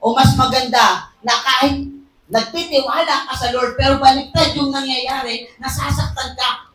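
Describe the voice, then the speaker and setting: A preacher giving an emphatic sermon, at times shouting and often asking the congregation "Hello?". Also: medium pitch. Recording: echoey hall, distant mic, faint hum.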